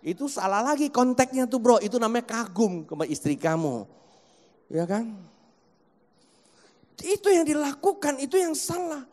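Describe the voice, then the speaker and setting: A man's voice: very high-pitched, big pitch swings, normal speed, long pauses, a little mellow. A male preacher giving a sermon into a handheld mic, talking straight to his congregation and slipping into acted everyday quotes. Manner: addresses the congregation directly and acts out everyday quotes. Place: church. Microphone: handheld microphone. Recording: echoey church hall.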